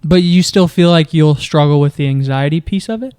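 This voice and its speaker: A man's voice: on the high side, a little fast, a little mellow, smooth, no room sound, studio quality. A man co-hosting a podcast, listening closely and answering in a supportive, encouraging way. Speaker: podcast co-host. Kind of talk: casual chat.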